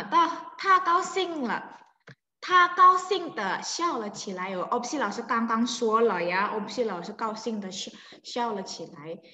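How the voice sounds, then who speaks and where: A woman's voice: on the high side, sharp tone. A young woman teaching Mandarin on a video call, explaining in Indonesian mixed with Mandarin and quizzing her students. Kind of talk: online class teaching. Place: home room on a video call. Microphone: video call mic. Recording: echoey room with long reverb.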